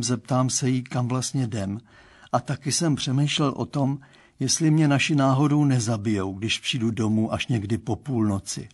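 An older male narrator reading an audiobook. His delivery is dry and wry, at an ordinary mid pitch. It is steady, unhurried storytelling. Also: breathy edge.

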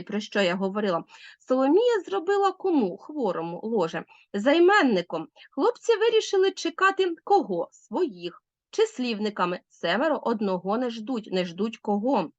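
Woman teacher going over grammar, high lively voice, asks questions then answers them, dull dry recording. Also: no room sound.

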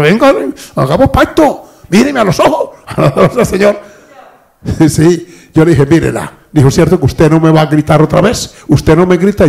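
Gravelly older preacher. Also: male voice, on the high side. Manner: preaching with lively acted-out dialogue. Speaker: pastor. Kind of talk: sermon.

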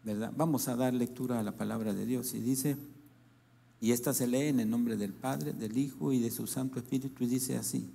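A man preaching a sermon in Latin American Spanish, reading scripture and speaking in a slow, halting way with restarts. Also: medium pitch, fairly even intonation, creaky, mellow.

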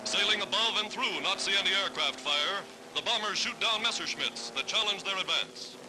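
A man's voice: high voice, moderate pace, background noise. A man narrating an old wartime newsreel in a dramatic, rousing delivery. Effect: old newsreel sound. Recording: old newsreel with music behind.

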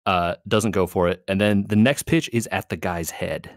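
A man with a very deep voice hosts a casual podcast chat. He rambles through stories in a loose, easygoing way, full of fillers. The sound is dry and close. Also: normal speed, no room sound. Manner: rambling, laid-back storytelling with fillers and laughs. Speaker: podcast host.

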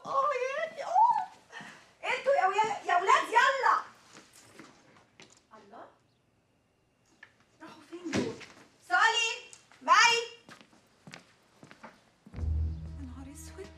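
A woman's voice: extremely high pitch, roomy sound, far from the mic, heavily acted. An actress playing a frantic, exasperated divorced mother in a sitcom, speaking with an Egyptian Arabic accent. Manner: loud, exasperated and theatrical. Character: frantic divorced woman journalist, mother of two. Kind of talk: TV comedy acting.

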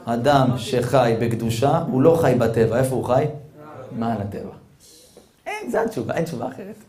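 A man, a rabbi, giving a Torah sermon full of rhetorical questions, swinging between hushed and loud. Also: mid-range voice, big pitch swings, reverberant.

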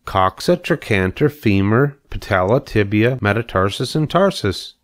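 A man's voice: lowish voice, animated, a little slow. A man voicing a wise, kindly female spider in a storybook read-aloud, patient and explaining.

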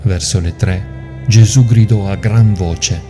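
A priest giving a measured, solemn liturgical scripture reading. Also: male voice, on the low side, fairly even intonation. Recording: music playing underneath.

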